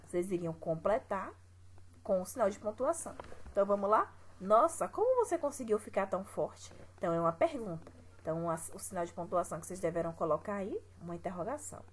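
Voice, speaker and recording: A woman's voice: medium pitch, poor audio. A woman teacher with a Brazilian Portuguese accent, patiently walking students through exercises step by step and asking them rhetorical questions. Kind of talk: recorded classroom lesson.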